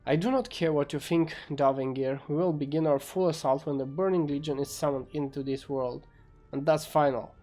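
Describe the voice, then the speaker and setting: A man's voice: on the high side, fairly even intonation, moderate pace, warm tone, faint music behind, lightly acted. A man voicing an imperious, scheming demon lord with grandiose, stern commands in an amateur fantasy game story. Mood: stern, final.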